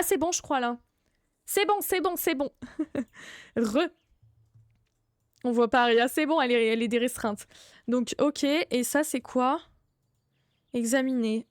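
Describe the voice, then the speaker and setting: A woman's voice: fairly high pitch, no echo, clean studio sound. A young woman streaming a horror game live, chatting casually, greeting viewers by name and swearing now and then. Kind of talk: live gaming stream commentary.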